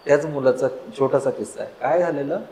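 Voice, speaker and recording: A podcast host with a medium-pitched, darkish voice talks quickly in a frank, chatty way, telling personal stories while asking his guest questions in a casual interview. The recording is rough and reverberant, with a little hiss or hum.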